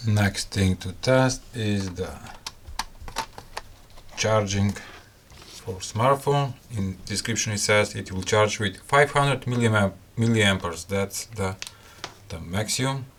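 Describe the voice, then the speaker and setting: A man hosting a gadget review channel does a casual hands-on product review in English with non-native phrasing. His voice is fairly low and he takes it slowly, with background noise and loud music behind him.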